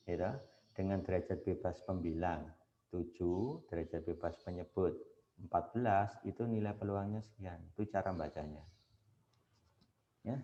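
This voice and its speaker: A very low-pitched male lecturer works through a statistics problem one step at a time. He keeps checking in with the class through short rhetorical questions. The recording sounds dull and lo-fi. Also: a little mellow, slight background noise. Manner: explains step by step with frequent rhetorical questions and "ya" tags.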